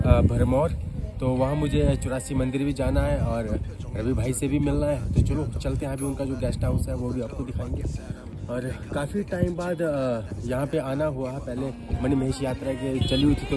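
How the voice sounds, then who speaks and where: A young man narrating a casual travel vlog, chatting to his viewers while holding his phone at arm's length, outdoors and in a small cafe. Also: medium pitch. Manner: chatty, addresses viewers as guys. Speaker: travel vlogger. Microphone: phone camera at arm's length.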